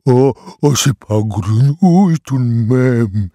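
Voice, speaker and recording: A man voicing a gentle, naive male donkey who talks slowly and earnestly in a storybook reading. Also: medium pitch, animated, no echo. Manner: slow, soft, earnest, turns frantic. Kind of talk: storybook character voice. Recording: close dry voice with soft music.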